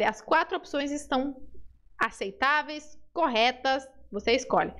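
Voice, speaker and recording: High-voiced woman coaching pronunciation. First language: Portuguese. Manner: lively, coaxing, drills words slowly and asks the viewer to repeat. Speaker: Spanish teacher. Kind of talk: pronunciation lesson.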